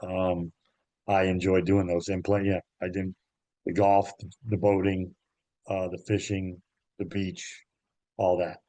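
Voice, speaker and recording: A man who works as a golf travel agent, talking in a relaxed, halting way with many ums as an interview guest. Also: deep voice, dry recording. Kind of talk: interview conversation. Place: Myrtle Beach area.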